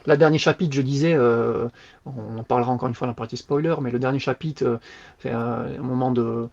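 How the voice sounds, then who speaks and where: A man co-hosting a podcast, chatting casually as he reviews a novel in an animated, slangy, loose way. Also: medium pitch, fairly quick, gravelly, muffled recording. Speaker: podcast co-host. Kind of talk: casual book review chat.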